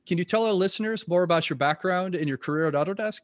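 Male podcast host, higher voice, dry close sound, friendly questions. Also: fast talker, no echo. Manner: friendly, scripted introductions with some restarts. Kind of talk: podcast interview hosting.

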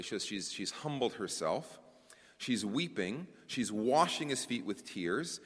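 A man preaching a conference sermon to brothers and sisters, animated, often repeating words as he searches for the phrasing. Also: on the low side. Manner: addresses listeners as brothers and sisters. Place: conference hall. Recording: long hall reverb.

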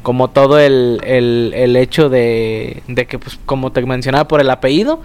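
A man's voice: mid-range voice, moderate pace, darkish tone, clean tone. A man from a Mexican music group, telling his story in a casual interview, hesitant and full of fillers. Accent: Mexican Spanish. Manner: hesitant, many fillers, thoughtful. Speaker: musician guest.

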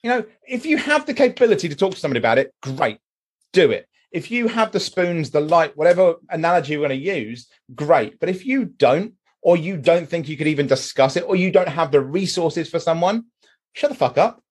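Emphatic husky British man. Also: a little high, a little fast. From Britain. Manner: animated, emphatic ranting with swearing. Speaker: podcast host, mental health charity chair. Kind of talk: casual discussion.

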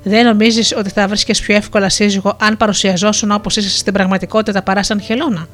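A woman's voice: mid-range voice, level tone, faint music behind, lightly acted. A woman voicing a shy young fisherman. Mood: polite. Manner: soft-spoken and courteous.

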